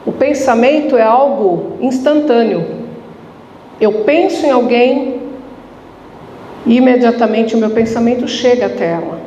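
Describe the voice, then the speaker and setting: Woman, Brazilian Portuguese accent, spiritist lecture, slightly high voice, conversational, long hall reverb. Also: animated, measured pace, pauses often, warm tone. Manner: conversational, asks rhetorical questions. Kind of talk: religious lecture. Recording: echoey hall with faint noise.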